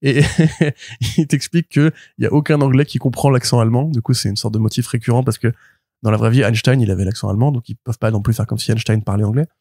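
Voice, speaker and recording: Man, podcast co-host, casual comics chat, mellow tone, dry close sound, rambling storyteller. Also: mid-range voice, fast talker, slightly rough, no echo. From France. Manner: animated storytelling with frequent fillers and restarts.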